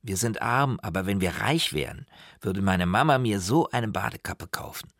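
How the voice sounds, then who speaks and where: A man's voice: on the low side, lively intonation, normal speed, fairly bright tone, no room sound, clean studio sound. A man voicing a skinny, cheerful twelve-year-old boy who asks eager childlike questions in an audiobook.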